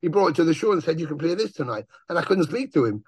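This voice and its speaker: A man with a gravelly growl, chatting casually as an interview guest and swearing as he tells stories. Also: fairly high pitch, racing, no echo. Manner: swearing, animated storyteller who acts out voices. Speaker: touring metal musician, guest.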